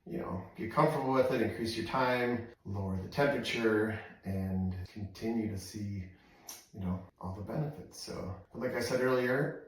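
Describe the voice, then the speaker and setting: An American man with a lowish voice takes on a cold plunge challenge for his vlog, talking as he sits in ice cold water in a tub on an outdoor deck. His speech is casual, halting and rambling, peppered with "you know," and the audio sounds very echoey and distant from the mic.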